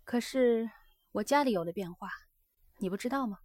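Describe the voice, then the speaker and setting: A woman's voice: fairly high pitch, expressive, moderate pace, a little mellow, no echo, pitched above the performer's own voice. A woman reading aloud voices a young geisha who talks earnestly and presses her lover for an answer, in a dry close recording. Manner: earnest, coaxing and insistent.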